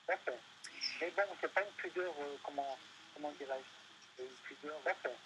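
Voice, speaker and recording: A man's voice: a little high, moderate pace, noisy background. A man being interviewed, talking hesitantly with many fillers and restarts. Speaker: interview guest. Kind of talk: casual panel interview. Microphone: studio microphone.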